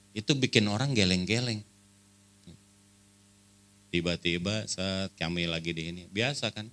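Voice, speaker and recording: Bright-voiced pastor joking through a sermon. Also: male voice, fairly low pitch. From Java. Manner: joking, conversational, rising to emphatic preaching. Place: church service.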